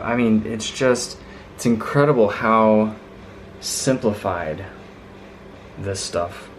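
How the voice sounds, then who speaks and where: This vintage radio hobbyist presents a video in a fairly low voice, giving an informal, rambling hands-on show-and-tell with enthusiastic wonder. The audio is poor, with a bit of hiss or hum.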